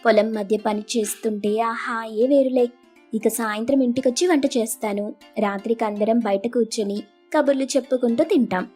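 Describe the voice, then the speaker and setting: A gentle, humble young village wife with a soft, earnest way of speaking, pitched a little high and warm, as a woman narrator voices her in a storybook. She sounds sincere and modest. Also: steady tone, moderate pace, husky, soft background music. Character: humble poor younger sister, gentle and hardworking.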